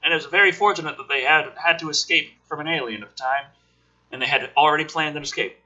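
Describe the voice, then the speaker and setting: Bright and pushed, with the highs cut off, this slightly high male voice moves at a quick pace. The host reads a movie script in an emphatic, theatrical style, then slips into sarcastic, profane, offhand remarks about it.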